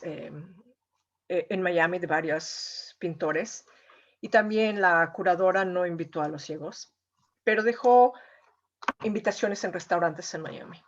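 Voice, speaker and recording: Speaking a little slowly at a fairly low pitch, this woman from Mexico is a painter telling an emotional story as an interview guest. Her conversational storytelling is full of fillers like "o sea" and "eh," and the recording is muffled.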